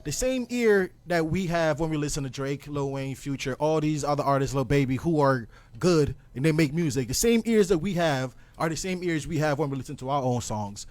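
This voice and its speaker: A man's voice: fairly high pitch, expressive, a little fast, few pauses, darkish tone, dry recording. A young man from Ghana, a guest, talking earnestly and reflectively in a casual interview, with plenty of ums and restarts. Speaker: guest music producer.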